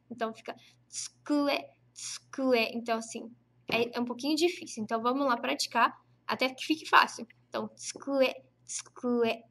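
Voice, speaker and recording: Brazilian woman, high voice, patient chatty language teacher, drills syllables slowly. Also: fairly bright tone. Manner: patient, spells out syllables slowly and repeats them; frequent tag questions, chatty teaching tone. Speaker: Japanese teacher. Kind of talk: online language lesson.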